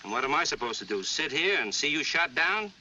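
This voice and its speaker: Casting: fretful American sidekick, folksy, very bright cutting voice, old western film sound. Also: male voice, fairly high pitch, sing-song, fairly quick, exaggerated voice. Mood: worried. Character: anxious, folksy cowboy sidekick. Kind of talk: 1940s western film acting. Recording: dull old film soundtrack, faint noise.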